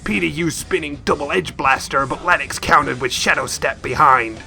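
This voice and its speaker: A man tells an absurd story in a dry, deadpan narrator's voice. His tone is bright and edgy with a gravelly fry at the ends of phrases, and light music plays underneath. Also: on the high side, normal speed. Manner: deadpan, mock-epic. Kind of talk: comic scripted narration.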